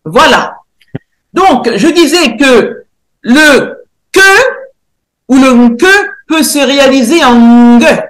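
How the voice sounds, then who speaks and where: A woman researcher giving a lecture presentation, pausing often to search for words and spelling out sounds slowly and carefully. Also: high voice, lively intonation, echoey room. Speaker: researcher and theologian presenting a decoding.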